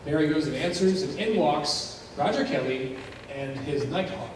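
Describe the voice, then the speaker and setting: A male pastor telling a story in a sermon, dramatic and suspenseful, with pauses that build tension. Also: a little high, lively intonation, background noise. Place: church sanctuary. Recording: very echoey church recorded from a distance.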